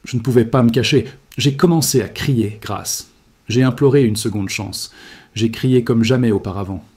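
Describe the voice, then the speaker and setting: Solemn husky man narrating a confession. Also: medium pitch, normal speed, a little mellow. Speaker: narrator of a religious testimony. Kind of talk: scripted first-person narration.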